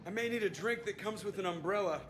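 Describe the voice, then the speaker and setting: A man's voice: high-pitched, quick pace, a little hiss or hum, lightly acted. An actor playing a cocky male starship pilot who jokes sarcastically. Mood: joking. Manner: sarcastic, joking. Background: game music.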